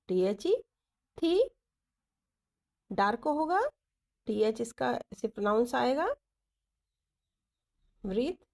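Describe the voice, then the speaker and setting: A woman teaching shorthand, going through each letter slowly and repeating the strokes as she writes them. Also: a little high, vocal fry, a little mellow. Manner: deliberate, repeats letters and directions while writing. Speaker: stenography teacher. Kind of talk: slow step-by-step lesson explaining shorthand strokes.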